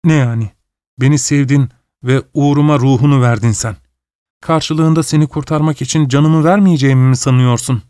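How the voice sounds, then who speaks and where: A man's voice: mid-range voice, fairly even intonation, moderate pace, warm tone, clean tone, no echo, studio quality, close to an everyday voice. A man reading a story aloud, voicing a resolute, loving young Hawaiian wife in a raised, earnest pleading tone. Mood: determined. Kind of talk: audiobook character voice.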